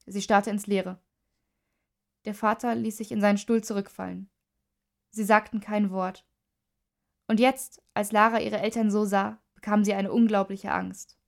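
A woman narrating a story in a measured, even manner. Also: medium pitch, vocal fry.

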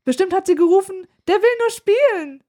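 An anxious mother scolds and frets in a high, raised voice, as a woman reader puts her on. She sounds shrill and worked up, fussing over her child in a storybook reading. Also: quick pace, darkish tone, lightly acted. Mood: agitated. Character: worried, agitated adult mother. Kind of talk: audiobook reading.

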